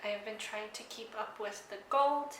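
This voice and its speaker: Young woman speaking haltingly, English-accented when in Spanish. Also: medium pitch. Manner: halting, searching for words in Spanish. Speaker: language-learning vlogger. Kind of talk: casual vlog chat. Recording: echoey room, faint background noise.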